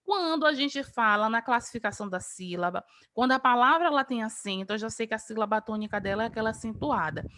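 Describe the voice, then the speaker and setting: A woman's voice: on the high side, animated, fast, few pauses, bright, forceful tone, no room sound. A woman from Brazil, teaching an online grammar review lesson, patiently explaining and drawing out example words. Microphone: video call.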